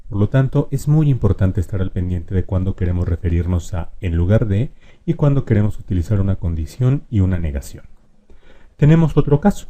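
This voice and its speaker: A man teaches spelling, speaking patiently and directly to the viewer. His voice sits low and sounds very dark and mellow. He slows right down to draw out each example word. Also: animated. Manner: patient, addresses the viewer directly, stretches example words slowly. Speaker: language teacher. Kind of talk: explanatory lesson on spelling.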